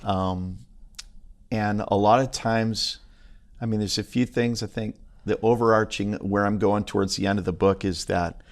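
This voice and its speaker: Man, British accent, somewhat low voice, animated storytelling, studio chat. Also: moderate pace. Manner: animated storyteller, jumping pitch on punchlines. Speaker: pastor and guest. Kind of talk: casual conversation.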